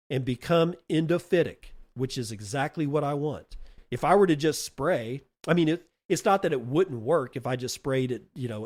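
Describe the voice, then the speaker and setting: A man's voice: on the high side, darkish tone. A man hosting a podcast, talking through a topic in an emphatic, folksy monologue full of rhetorical questions and playful comparisons, often repeating words as he thinks. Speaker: podcast host. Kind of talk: enthusiastic explanatory monologue.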